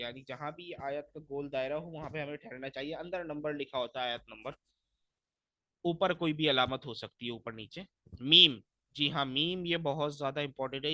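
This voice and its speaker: A young man from Pakistan teaching Quran recitation in a fairly high, bright, forceful voice. He explains each rule patiently, step by step, then draws the recited words out slowly and loudly. The sound is close and dry, with no room echo.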